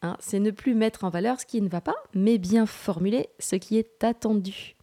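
A woman's voice: medium pitch, moderate pace, warm tone. A woman hosting a parenting show, giving earnest advice full of rhetorical questions and then reading a picture book aloud.

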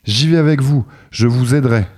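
A fearless young student from a storybook, read by a man, who speaks eagerly and sure of himself. The voice is warm and dark in tone, pitched at an ordinary level. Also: brisk, husky, natural voice. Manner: eager, self-assured.

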